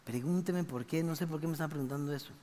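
A man telling a personal testimony in an animated way, acting out the dialogue. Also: on the high side, fast talker. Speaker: speaker giving a testimony. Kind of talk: storytelling testimony. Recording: reverberant hall.

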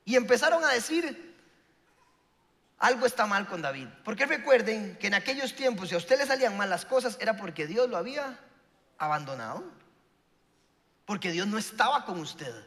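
A pastor preaches with a strikingly high, bright voice that swings up and down with energy. He tells the story in an emphatic way, with acted-out quotes. A long reverb from the hall trails behind his words. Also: lively intonation, a little fast. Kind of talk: sermon.

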